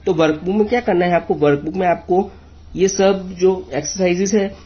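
A man's voice: sits high, fairly even intonation, fairly quick, breathy edge, lo-fi sound. A man teaching a children's English lesson, patiently spelling words letter by letter.

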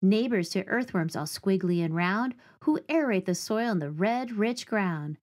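Reading aloud to children from a picture book of rhymes and nature facts, a woman speaks in a mid-range voice at an unhurried pace. She phrases everything clearly and expressively, and a little hiss or hum can be heard.

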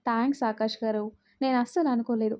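A woman voicing a polite, soft-spoken young mother. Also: fairly high pitch, steady tone, fast, close to an everyday voice. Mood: gentle. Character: gentle, grateful young mother.

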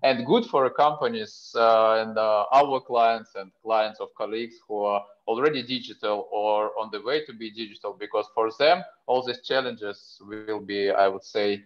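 A man speaking as a software company executive on a panel video call, halting and full of fillers. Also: on the low side, fairly even intonation. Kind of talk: panel discussion. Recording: muffled video-call audio.

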